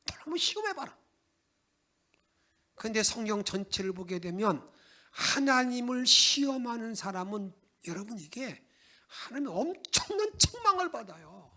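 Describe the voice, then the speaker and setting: Male pastor preaching a Sunday sermon in church, lively swinging pitch, soft asides. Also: normal speed. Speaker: pastor, bishop. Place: church sanctuary.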